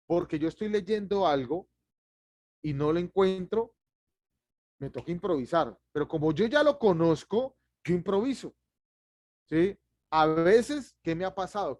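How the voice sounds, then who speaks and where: A man teaches public speaking over an online class, rattling along quickly and laughing at his own slips. His voice sits a little high for a man. The sound is dry and close, with no room around it. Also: no room sound. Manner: fast, lively, self-deprecating with chuckles.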